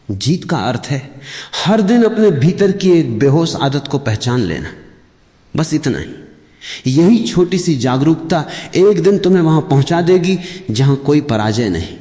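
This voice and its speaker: Mellow, lilting man with long reverb. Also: fairly high pitch, sing-song. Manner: measured, contemplative, addresses the listener directly. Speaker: spiritual narrator. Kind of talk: scripted spiritual discourse.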